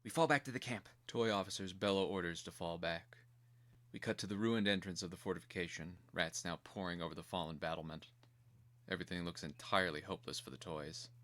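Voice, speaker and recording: A man with a low, forceful voice narrates a dramatic screenplay, reading deliberately and theatrically with fairly even intonation. His grave, crisp-edged tone suits scripted action.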